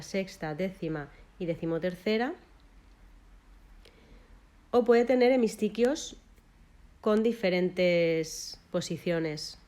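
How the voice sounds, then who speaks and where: A woman explaining a literature lesson, listing technical terms one by one in a measured way with short pauses. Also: on the low side, darkish tone.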